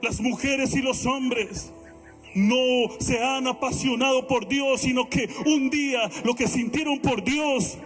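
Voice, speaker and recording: Male pastor, middle-aged, earnest sermon delivery; slow, unhurried pace; long hall reverb with soft music. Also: extremely high pitch. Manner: prayerful, earnest preaching with slow measured phrasing.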